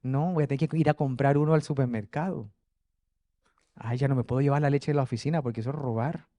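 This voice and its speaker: A man preaching a lively, joking sermon to a congregation, moving from quiet asides to loud exhortation. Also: medium pitch, fast talker, no echo. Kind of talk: lively Spanish-language sermon. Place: church in front of a congregation.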